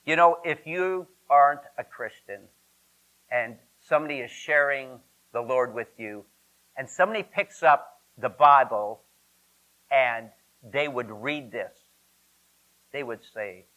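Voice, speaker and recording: A man's voice: mid-range voice, lively intonation, measured pace, long pauses, pushed and bright, low-quality recording. A man preaching a sermon emphatically, asking rhetorical questions and drawing out repetitions. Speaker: pastor.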